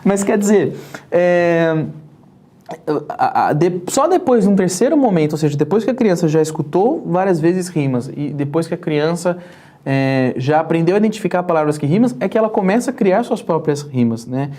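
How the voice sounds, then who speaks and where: A podcast host who talks about children and poetry in a halting, conversational way and leads the guest with questions. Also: medium pitch, animated, mellow. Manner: hesitant, many fillers and restarts, asks guided questions.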